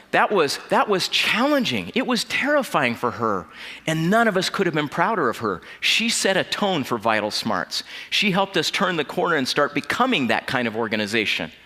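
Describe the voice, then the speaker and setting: A man giving an earnest storytelling keynote as a corporate trainer, dropping to a hushed voice at emotional moments. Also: fairly high pitch. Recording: long reverb of a large hall.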